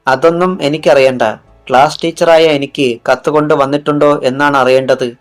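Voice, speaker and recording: A man's voice: a little high, fairly even intonation, normal speed, soft background music, lightly acted. A man voicing a harsh, scornful woman schoolteacher in an audiobook, scolding with contempt.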